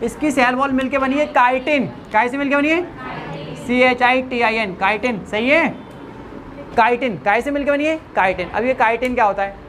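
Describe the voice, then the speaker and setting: This biology teacher has a high voice and a brisk pace, with slight noise in the background. Lecturing a classroom, she runs call-and-response drills, repeating questions for students to answer and joking with them casually.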